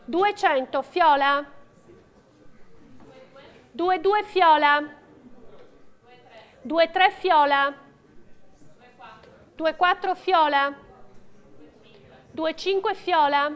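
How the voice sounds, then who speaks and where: A woman runs an auction in a strikingly high voice. She calls prices and bidder names at a slow pace, in short, repetitive chanted phrases.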